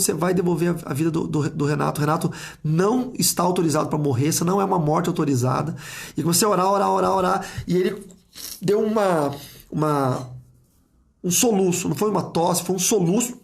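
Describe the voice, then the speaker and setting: A Brazilian pastor, a man, recounts a dramatic testimony in a fairly high voice. He talks in a lively, vivid way, restarting phrases and repeating words as he goes. His Brazilian Portuguese accent comes through clearly. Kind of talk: testimony storytelling.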